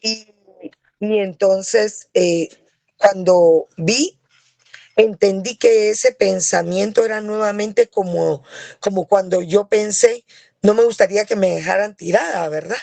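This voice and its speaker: Earnest woman, warm voice. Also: mid-range voice, takes it slowly, vocal fry, no room sound. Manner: earnest storytelling, often checking in with "right?". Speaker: church member giving a testimony. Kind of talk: spoken testimony. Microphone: video call.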